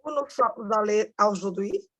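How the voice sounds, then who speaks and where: Female student, unhurried and unsure, answering a teacher's drills. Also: mid-range voice, lively intonation, fairly bright tone. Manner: hesitant, slow, unsure attempts.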